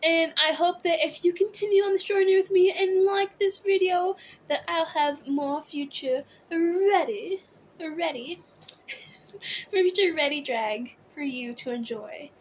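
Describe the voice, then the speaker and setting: Very high-pitched drag queen vlogger, chatty and theatrical. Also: measured pace, a little hiss or hum. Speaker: drag queen video host. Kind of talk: casual chatty opinion vlog, reading comments aloud.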